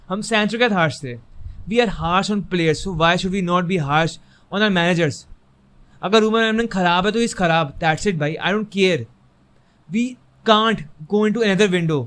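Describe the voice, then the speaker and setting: A man's voice: high-pitched, fairly bright tone. A young man giving a heated, frustrated fan reaction to a football match, switching between Hindi and English.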